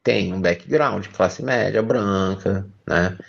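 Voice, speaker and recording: Deep gravelly brazilian guy, husky, kinda hesitant, lots of fillers, slightly muffled audio. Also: slow. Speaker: interview guest, activist. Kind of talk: casual interview.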